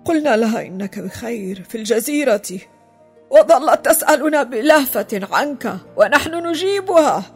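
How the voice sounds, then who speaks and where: A woman voicing a kindly, loyal old male servant in a children's audio drama, often talking in a hush. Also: high voice, animated, moderate pace, husky, faint music behind, heavily acted. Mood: whispering. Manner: fearful at first, later hushed and secretive.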